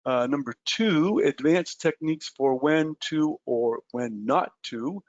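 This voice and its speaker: A man with a slightly high voice speaks slowly while hosting a live trading webinar, addressing listeners directly and casually with frequent "uh" and "um". The lo-fi recording has no echo.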